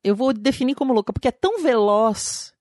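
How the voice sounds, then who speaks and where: A woman's voice: on the high side, animated, brisk, darkish tone, no room sound, clean studio sound. A woman with a Brazilian Portuguese accent, telling a personal story in an interview, reflective and emotional. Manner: emotional, reflective storytelling with many tag questions.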